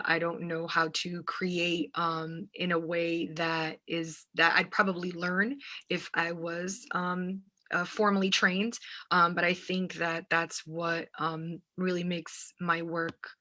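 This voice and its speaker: An American visual artist and writer from New Jersey answers interview questions reflectively, using hesitant, searching phrases and often seeking agreement with "right." Her lowish voice moves little in pitch, comes at a slow pace, and sounds pushed and bright.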